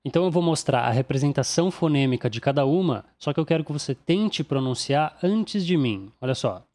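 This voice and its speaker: A man's voice: a little high, lively intonation, a little mellow. Brazilian man teaching English pronunciation. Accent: Brazilian Portuguese. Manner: clear, didactic, repeats example words slowly. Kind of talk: instructional explanation.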